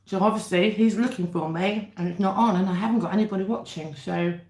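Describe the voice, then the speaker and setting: A woman's voice: mid-range voice, quick pace, darkish tone. British woman chatting through a mukbang, echoey room. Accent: British English. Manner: chatty mukbang-style talk while eating dinner. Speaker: livestream host. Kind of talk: casual live chat over a meal.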